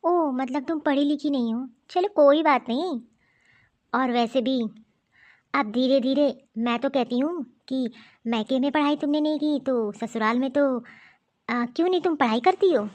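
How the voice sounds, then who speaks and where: A woman voicing a modern, pushy young city woman in an animated cartoon, speaking breezily and dropping English words. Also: sits high, normal speed, natural voice. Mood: patronizing.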